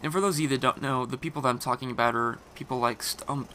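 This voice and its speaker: With loud gunfire and explosions from the game underneath, a commentator speaks fast in a steady, mid-range voice. His throat is scratchy and irritated, and his casual, rambling talk is full of fillers and restarts.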